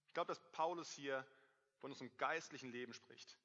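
A man in his thirties preaching a sermon to a congregation, lively, swinging between loud emphasis and quiet asides. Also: mid-range voice, fairly quick. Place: church hall. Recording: dull, reverberant hall sound.

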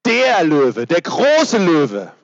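A man's voice: a little high, huge pitch swings, very slow, voice pushed up, heavily acted. A man reading aloud as a male talking beaver from a storybook, insistent and explaining, in a reverberant, dull-sounding hall.

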